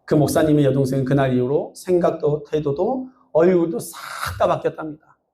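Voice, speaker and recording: A pastor preaches on Sunday in a church sanctuary, the sound echoing around him as he tells a story, poses questions to the congregation, and performs quotes. His voice is on the high side with a dark tone, and his delivery is brisk.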